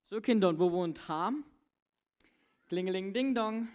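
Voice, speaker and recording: In a church children's Bible play, a woman plays a polite, dutiful male servant addressing his master in a formal, courteous butler manner. Her voice is mid-range, a little slow and mellow, close to her everyday voice.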